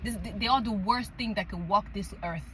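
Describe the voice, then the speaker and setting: On a rough recording with slight background noise, a woman of French and Malian background shares a personal story as a spiritual vlogger. She has a French accent and a medium-pitched, sharp voice at normal speed, speaking casually and emphatically while frequently checking in with her listener.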